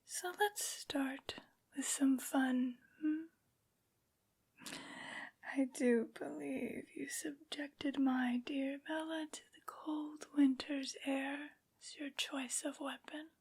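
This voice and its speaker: A woman voicing a haughty, vengeful aristocratic vampire lady in an ASMR roleplay, in a breathy whisper with taunting, mockingly sweet phrasing. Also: sits high, fairly even intonation, takes it slowly, darkish tone. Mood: menacing, taunting.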